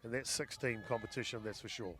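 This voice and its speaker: A man giving live play-by-play commentary at a softball game, chatting with his co-commentator between plays and getting loud on big hits. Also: medium pitch, steady tone, fast talker. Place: outdoor ballpark.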